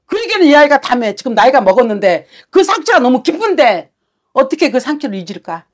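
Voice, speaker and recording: A woman's voice: sits high, very animated, quick pace. A woman shaman giving a fortune-telling session, talking bluntly and scolding with coarse words.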